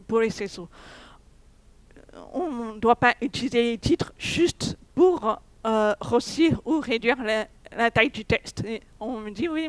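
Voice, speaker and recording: A woman's voice: on the high side, no echo. A young woman giving a technical conference talk, hesitant, with many fillers and restarts. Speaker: conference speaker. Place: conference hall.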